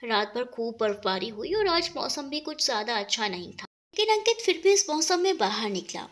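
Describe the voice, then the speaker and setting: A woman narrating an emotional family story in an expressive storytelling manner. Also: fairly high pitch, brisk.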